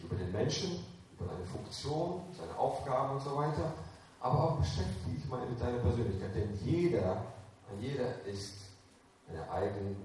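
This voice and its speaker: A man's voice: mid-range voice, a little mellow, a little hiss or hum. A man preaching to young people, urging them directly with commands and questions. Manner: emphatic, addresses listeners directly with commands and questions. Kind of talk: sermon. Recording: echoey hall, voice from a distance.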